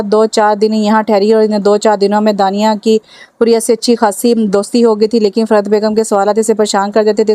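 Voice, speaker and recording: Smooth, flat-voiced woman reading a novel. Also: mid-range voice, dry recording. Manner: steady, even reading. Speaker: novel narrator. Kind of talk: reading a romance novel aloud.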